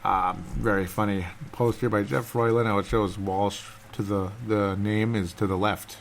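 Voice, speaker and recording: A man's voice: fairly low pitch, level tone, moderate pace, slight background noise. A man hosting a casual solo sports fan show in a subdued, held-back voice, as if not to wake anyone, rambling and repeating himself.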